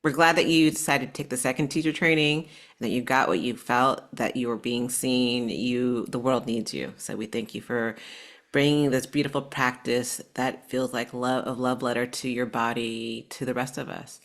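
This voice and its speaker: A woman's voice: very deep voice, steady tone, moderate pace. A woman co-hosting a podcast, speaking in an affirming way to her guest and signing off the show. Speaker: podcast co-host. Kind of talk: casual chat, podcast sign-off.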